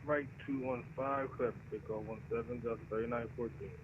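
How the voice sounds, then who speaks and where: A male airline pilot gives clipped readbacks over a pilot headset. His pitch is average and the radio is clearly noisy. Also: steady tone, fairly quick, lo-fi sound.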